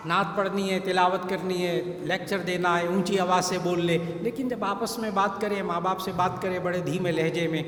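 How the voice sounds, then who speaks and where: A man's voice: sits high, a bit bright. A man preaching a sermon and telling a story in an earnest way, repeating his key phrases for emphasis. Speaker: Islamic scholar and preacher. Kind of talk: sermon with an anecdote. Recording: echoey hall with faint background noise.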